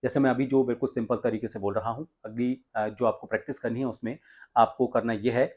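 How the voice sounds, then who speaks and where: Presenting as a voice coach, the Indian man walks through a tutorial step by step in a middle-pitched voice whose tone is steady and a little mellow. His explanations are deliberate, and he frequently pauses partway through a sentence before continuing.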